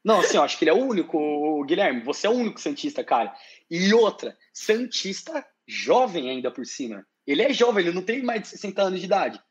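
A man's voice: high-pitched, very animated, fast. Rambling São man on dull call audio. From Brazil. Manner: rambling, with many restarts and slang fillers. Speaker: interview guest. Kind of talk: casual live-stream chat.

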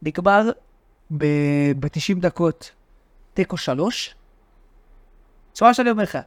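A man with a high, lively voice co-hosts a casual sports chat, teasing his friends and spinning animated stories. The sound is dry and close, with no room around him. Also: no room sound. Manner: animated, teasing, tells stories with shifts in pitch. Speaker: podcast co-host.

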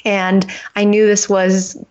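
A woman's voice: mid-range voice, completely flat delivery, takes it slowly, a little mellow, smooth. A young woman in her twenties, a podcast co-host, telling her story in an upbeat way, with a slightly sleepy morning voice. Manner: upbeat, laughs easily, open about her past. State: early-morning voice. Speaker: podcast co-host, nutritional therapy practitioner. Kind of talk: casual interview storytelling. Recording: dull lo-fi call audio.

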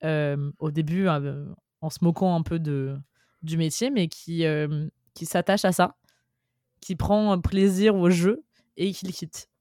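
A woman's voice: deep voice, measured pace, dark tone, no room sound, clean studio sound. A woman co-hosting a casual book podcast, talking animatedly with lots of fillers and restarts. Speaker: podcast co-host. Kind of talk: casual chat about books.

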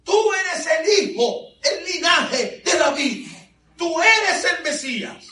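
A man preaching voices a desperate mother who cries out loudly for mercy, drawing out her pleas. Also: very high voice, lively intonation, slight background noise, pitched above the performer's own voice, exaggerated voice. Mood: pleading. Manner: loud, drawn-out cries. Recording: echoey hall, mic far off.

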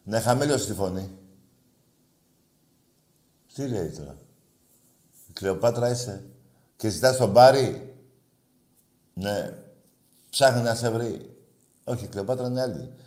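A man's voice: fairly low pitch, lively intonation, pauses often, darkish tone, reverberant. A man hosting a radio call-in show, teasing and mocking his callers in crude, casual banter.

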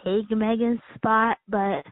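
A woman's voice: fairly high pitch, fairly even intonation, slow, no room sound. A woman co-hosting a podcast, chatting casually in a rambling, easygoing way. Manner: chatty, rambling, laughs easily. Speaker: podcast co-host. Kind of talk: casual chat. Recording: tinny phone-like sound, dry.

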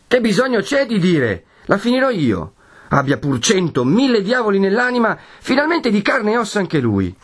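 A man voicing an enraged young man who shouts threats in a storybook reading. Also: fairly low pitch, expressive, measured pace. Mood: furious. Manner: shouting, vehement. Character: furious young man, hot-tempered and threatening.

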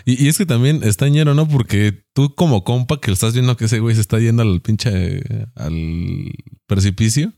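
A man's voice: mid-range voice, warm tone, no echo, clean studio sound. A young man with a Mexican accent in a casual, blunt and slangy chat, teasing his friends. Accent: Mexican Spanish. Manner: blunt, slangy and profane, quick to mock friends.

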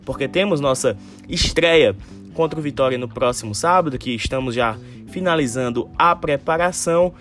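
A man's voice: medium pitch, normal speed, fairly bright tone. A man with a northeastern Brazilian accent from Ceará and a tongue-tied lisp with slushy s sounds, hosting a casual solo football news podcast and talking directly to listeners. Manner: informal, addresses listeners directly, frequent tag questions. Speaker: sports podcast host. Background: music.

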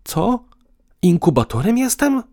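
A man doing a sharp-tongued, combative young woman. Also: sits high, very animated, unhurried, gravelly, voice pushed up, full character voice. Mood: angry. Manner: sarcastic, combative. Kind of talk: audiobook dialogue.

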